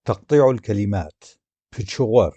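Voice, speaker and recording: A man reading a grammar lesson aloud, slowly listing letters, syllables and example words and drawing out each sound. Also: fairly low pitch, expressive, warm tone, husky, no echo, highs cut off. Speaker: language teacher.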